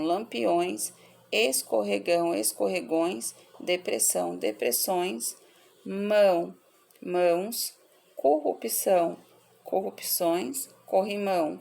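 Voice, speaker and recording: A woman's voice: medium pitch, gravelly, darkish tone. A woman teacher, reading out and correcting workbook answers for young pupils and listing the words one by one.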